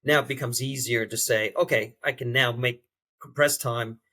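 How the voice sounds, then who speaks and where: A man interviewing on a podcast who talks haltingly, with many restarts and fillers. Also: medium pitch, steady tone, sharp tone. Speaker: interviewer and behavior change specialist.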